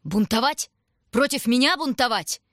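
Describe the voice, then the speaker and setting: A woman's voice: on the low side, animated, normal speed, a bit bright, no echo, clean studio sound. A woman voicing a pompous, tyrannical male toy king from a children's storybook, haughty and given to bellowing. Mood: furious. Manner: haughty, then bellowing with rage.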